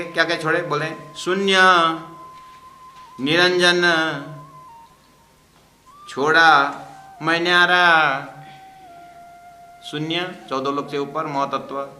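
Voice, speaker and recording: A man's voice: on the high side, pushed and bright, roomy sound. A man teaching from scripture in a storytelling manner, acting out voices. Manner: storytelling, acts out voices and laughs. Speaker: spiritual teacher. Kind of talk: scripture class.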